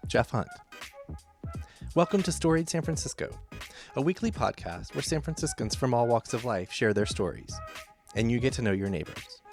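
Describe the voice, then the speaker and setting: A man hosting a podcast, reading a scripted introduction in an organised, presenterly way. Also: medium pitch. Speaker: podcast host.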